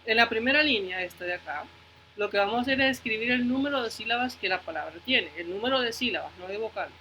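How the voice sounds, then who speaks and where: A man's voice: high voice, expressive, quick pace, sharp tone, slight background noise, low-quality recording. A male teacher giving a phonics lesson to children, patiently repeating words and checking in with the class, moving between Spanish and English.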